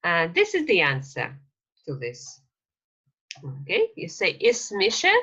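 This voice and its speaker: Slow, low-pitched woman teaching a language. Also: wildly swooping pitch, pushed and bright, breathy edge. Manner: slow, repeats phrases for learners to copy. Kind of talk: beginner language lesson. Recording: dull lo-fi recording.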